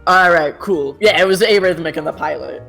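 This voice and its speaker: Woman chatting casually over soft guitar. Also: on the low side, brisk, vocal fry. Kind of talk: casual chat during a group dub. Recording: guitar music behind.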